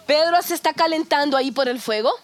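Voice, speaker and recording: A woman preaching a sermon, retelling scripture scenes as stories with lively quoted dialogue. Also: sits high, quick pace.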